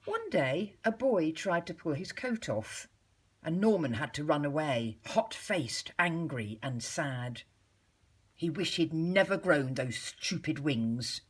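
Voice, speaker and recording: With a low, husky voice, this woman reads a storybook to young children like a schoolteacher would, expressive and measured with deliberate pauses.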